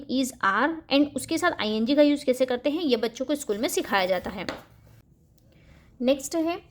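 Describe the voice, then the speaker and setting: Woman, high voice, home-schooling host, explains school topics, mixes in English words. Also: a little mellow. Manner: mixes Hindi with English words, reads example sentences slowly. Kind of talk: explaining a school syllabus to parents.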